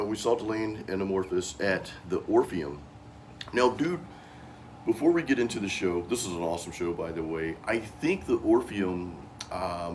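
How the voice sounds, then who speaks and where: A man's voice: sits low, darkish tone, slight background noise. A middle-aged American man hosting a casual, informal chat in loose, slangy speech. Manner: informal, peppered with "dude" and "man". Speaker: host.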